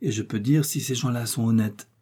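A man's voice: mid-range voice, a little fast, dark tone, breathy edge, natural voice. A man voicing a bold, stubborn young female cook who talks back, in an audiobook reading. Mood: pert. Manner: pert and insistent.

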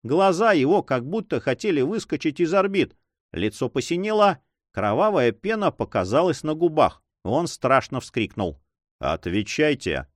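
A man narrating an adventure novel aloud with expressive, dramatic storytelling. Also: fairly high pitch, moderate pace, no echo, clean studio sound. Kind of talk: audiobook reading.

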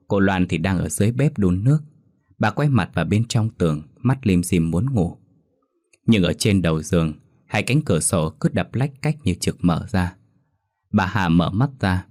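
A man narrating a ghost story in a slow, measured storytelling voice. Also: low voice, darkish tone, no room sound, studio quality. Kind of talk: scripted horror story narration.

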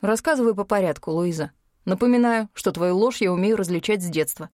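A woman's voice: medium pitch, fairly quick, a little mellow, no room sound, studio quality, close to an everyday voice. A woman voicing a stern, bossy older brother who talks coldly and commandingly, in an audiobook. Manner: cold and commanding.

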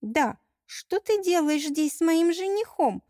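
A woman's voice: extremely high pitch, animated, a little slow, warm tone, no room sound, studio quality, pitched above the performer's own voice. A woman voicing a jealous young mermaid bride who bursts out in tearful, indignant cries in an audiobook.

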